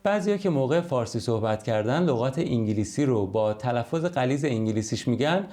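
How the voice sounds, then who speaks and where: Mellow-voiced Iranian man teaching English. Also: medium pitch, lively intonation. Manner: conversational, explains with examples. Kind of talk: friendly lesson explanation.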